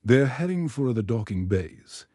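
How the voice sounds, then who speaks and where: A man's voice: mid-range voice, very animated, measured pace, mellow, dry recording, studio quality. A man reading an alarmed woman security chief. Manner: urgent, alarmed reporting. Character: urgent female security chief.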